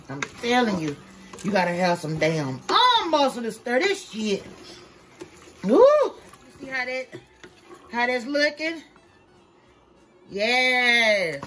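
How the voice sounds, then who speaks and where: In this casual cook-with-me vlog, a woman cooks in her own kitchen and talks easily to the audience, addressing them as y'all. She speaks at medium pitch with a slightly bright quality, filmed by another person on camera, with slight background noise.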